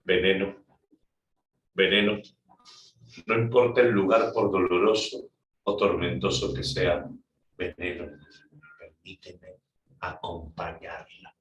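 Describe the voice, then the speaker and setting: A man voicing a tormented young man who laments in a soft, hushed voice. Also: sits low, fairly even intonation, slow pace, pauses often, highs cut off. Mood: lamenting. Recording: roomy, distant mic.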